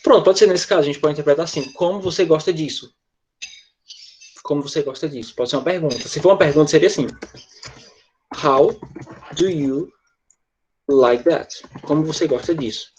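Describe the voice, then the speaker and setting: A man with a Brazilian Portuguese accent teaching English in an online class, chatty and joking, slowing down to model English phrases. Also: on the high side, darkish tone, a little hiss or hum.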